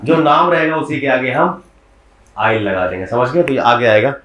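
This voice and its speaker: A male teacher lecturing a class in a medium voice, breaking things down step by step and checking in with students through frequent questions. The sound is roomy, with a clear echo from the classroom walls. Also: mid-range voice, lively intonation, normal speed, a bit bright. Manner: explains step by step, often quizzing students. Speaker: chemistry teacher.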